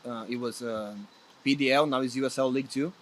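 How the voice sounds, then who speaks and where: This guest player, a Brazilian man with Portuguese as his first language and a Brazilian accent, answers a casual interview earnestly but hesitantly, often restarting sentences. His voice is medium-pitched and brisk, with fairly even intonation.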